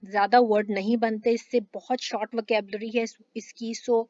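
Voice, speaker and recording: A woman teacher walks through a language lesson, stretching each syllable slowly as she drills sounds. Her voice sits a little high. The sound is dry and slightly muffled, as from a close home recording. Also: little pitch movement, warm tone, no echo. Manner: drawn-out syllable drills mixing in English. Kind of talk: explanatory lesson.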